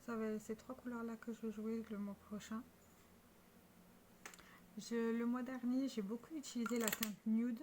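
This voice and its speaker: Woman beauty vlogger, casual product walkthrough, slightly high voice, faint room hum. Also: level tone, normal speed, pauses often, darkish tone. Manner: chatty, showing products to camera with small restarts. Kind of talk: casual makeup vlog.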